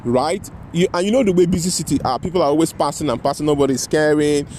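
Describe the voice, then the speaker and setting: Vlogger, male, slightly high voice, casual rambling storyteller outdoors with faint traffic behind. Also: fast, a little mellow. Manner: rambling, frequent "you know" and "right?" tags. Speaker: vlogger telling a personal story.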